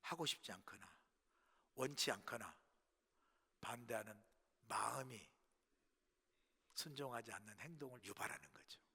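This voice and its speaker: A man's voice: mid-range voice, moderate pace, long pauses, husky. Storytelling pastor man in a reverberant church. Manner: storytelling, swings between hushed asides and loud bursts. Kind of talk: sermon. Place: church sanctuary. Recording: long hall reverb.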